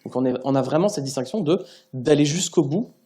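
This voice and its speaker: A man's voice: fairly high pitch, animated, brisk, warm tone. A man giving a conference talk to a live audience in a conversational, self-deprecating way, often restarting his sentences. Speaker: conference speaker. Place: conference room.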